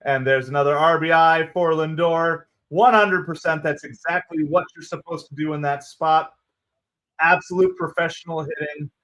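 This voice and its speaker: Brief: male livestream host with a New Jersey accent, slightly high voice, excitable casual play-by-play, chats with his viewers. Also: moderate pace. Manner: excitable, chatty, thanks viewers by name. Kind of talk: live play-by-play fan commentary. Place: home streaming setup with green screen.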